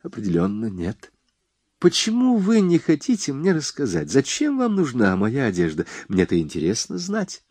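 A man reading the lines of a calm, bold young woman who teases and questions in an audiobook. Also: mid-range voice, normal speed, no echo, voice pushed up. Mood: coaxing.

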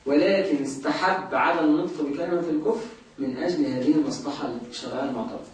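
A man's voice: a little high, quick pace. A man with an Egyptian accent teaching a jurisprudence class, asking the class questions and answering them himself. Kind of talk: lecturing a class. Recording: very echoey room, voice from far off.

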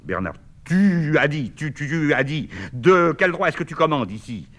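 A man's voice: fairly high pitch, big pitch swings, a little fast, bright, forceful tone, pitched above the performer's own voice, full character voice. A man voicing a stuttering sulky teenage boy. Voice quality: slight stutter. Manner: whiny, indignant protests. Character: gangly sixteen-year-old boy, sulky and touchy.

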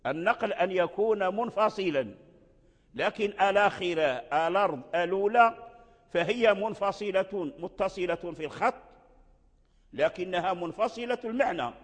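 In a classroom explanation, a Quran recitation teacher with a fairly high male voice goes over each example word several times. His speech fades into a long hall reverb.

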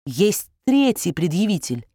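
A woman's voice: fairly low pitch, sing-song, measured pace, dark tone, slightly rough, no room sound, clean studio sound, full character voice. A woman voicing a curt, businesslike male bailiff in a matter-of-fact tone.

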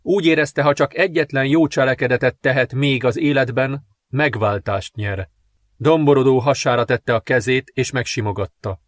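A man reading a fantasy audiobook in a measured, dramatic narration. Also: mid-range voice, dry recording. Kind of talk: scripted narration.

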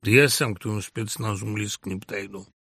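A man reading an audiobook, voicing a calm, wry man who answers tersely and with quiet mockery. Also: lowish voice, fairly quick, husky, no echo, pitched below the performer's own voice. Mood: dry terse. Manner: terse, dry, quietly mocking.

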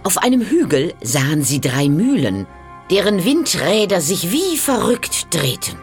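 A woman reads a fairy tale aloud in a low voice, taking her time with each sentence. Her pitch moves a lot as she tells the story. Soft music sits faintly underneath. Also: measured pace. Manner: calm, expressive storytelling. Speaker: narrator.

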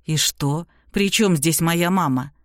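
A woman's voice: deep voice, slow pace, no room sound, clean studio sound. A woman voicing a callous young man who speaks in a scornful, dismissive way.

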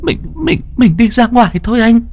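A man voicing a terrified young wife in an audiobook, stammering and tearfully pleading in a raised, high-pitched voice. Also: big pitch swings, moderate pace, darkish tone, slight background noise.

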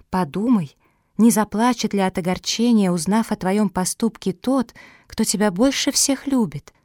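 A woman voicing a clever female pug who explains things gently and in measured words. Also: mid-range voice, dry recording, clean studio sound, natural voice.

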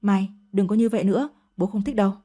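A woman voicing a calm, restrained middle-aged father-in-law in an audio story. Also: mid-range voice, fast talker, close to an everyday voice.

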